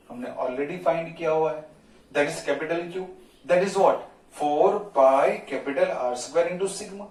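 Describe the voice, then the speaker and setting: Slow, echoey male physics teacher. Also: sits high, a little mellow. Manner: mixes Hindi and English, dictates slowly, checks in with students. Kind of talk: classroom lecture. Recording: roomy echo, mic at a distance.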